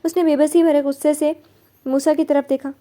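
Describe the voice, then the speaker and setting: A woman narrating a romance novel in an expressive, storytelling manner. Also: sits high, moderate pace.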